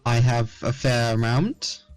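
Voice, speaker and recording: A man voicing his own character in a tabletop game, chatty and a little halting as he lists what he carries. The sound is dry, with quiet music playing behind him. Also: mid-range voice, dry recording, low-quality recording. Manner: chatty, listing items with pauses. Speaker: player. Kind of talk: in-character tabletop play over voice chat.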